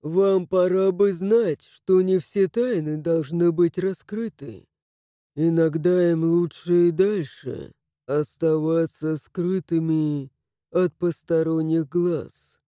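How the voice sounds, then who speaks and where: A man's voice: on the high side, warm tone, no room sound, studio quality. A man voicing Darren, a weary old dragon. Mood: reproachful. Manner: measured, lecturing. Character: ancient male dragon, calm and weary. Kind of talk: audiobook character voice.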